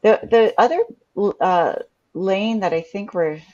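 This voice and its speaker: A woman's voice: medium pitch, unhurried, a little mellow, lo-fi sound. A woman co-commentating a Scrabble match, hesitant and often restarting her sentences. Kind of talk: live game commentary.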